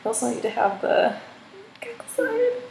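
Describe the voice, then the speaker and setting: A woman's voice: a little high, big pitch swings, normal speed, creaky, darkish tone. A young woman vlogger chatting casually and giggling, talking into her laptop mic. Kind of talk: casual chat on a video call. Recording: echoey room with faint noise.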